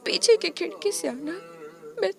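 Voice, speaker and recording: A woman's voice: extremely high pitch, a little slow, vocal fry, a crowd in the background, voice pushed up, heavily acted. A woman voicing a frightened young woman who cries, stammers and pleads. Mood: tearful pleading. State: crying. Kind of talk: dramatic storytelling.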